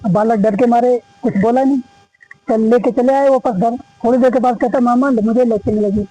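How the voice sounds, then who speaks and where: A man's voice: very high-pitched, fairly even intonation, normal speed, dark tone, rough recording. A man telling a religious legend at an ashram in a folksy, repetitive way, slipping into the voices of his characters. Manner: folksy, repetitive, acts out quoted dialogue. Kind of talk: casual oral storytelling. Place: ashram gathering.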